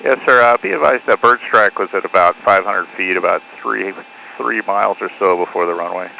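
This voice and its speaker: A man's voice: sits low, brisk, pushed and bright. A man speaking as an airline pilot, making radio calls to the tower through an aircraft radio. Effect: aircraft radio transmission. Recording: muffled radio with clear noise, clicks.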